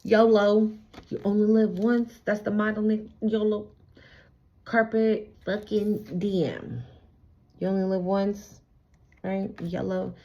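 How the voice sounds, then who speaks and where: Woman tarot reader, mellow voice, blunt and sassy, muffled lo-fi recording. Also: medium pitch, level tone, slow. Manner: chatty, blunt, profane, sassy. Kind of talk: casual spiritual tarot reading.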